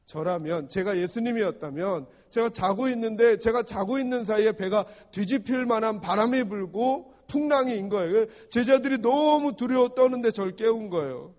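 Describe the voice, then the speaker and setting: A man's voice: sits high, normal speed, hardly any pauses, darkish tone. A man preaching a sermon as pastor, often asking the congregation questions and acting out short quotes. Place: church sanctuary. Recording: dull sound with long hall reverb.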